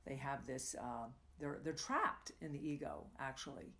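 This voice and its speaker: A middle-aged woman giving a live coaching talk, talking fast and rambling with self-corrections. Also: very deep voice, pushed and bright. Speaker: tantra coach.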